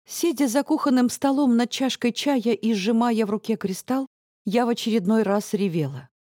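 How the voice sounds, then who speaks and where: Audiobook narrator: female, steady first-person storytelling, higher voice. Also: moderate pace, dry recording, clean studio sound.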